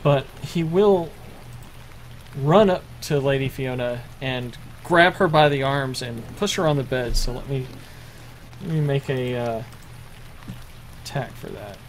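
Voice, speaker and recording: There's a little hiss or hum as a man with a mid-range voice serves as game master for a tabletop role-playing game. He narrates the action in a halting way, with plenty of fillers and restarts.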